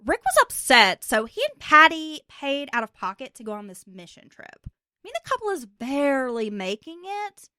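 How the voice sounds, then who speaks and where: Bright-voiced woman podcast co-host. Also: high-pitched, very animated, normal speed, no room sound, studio quality. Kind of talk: casual true crime podcast chat.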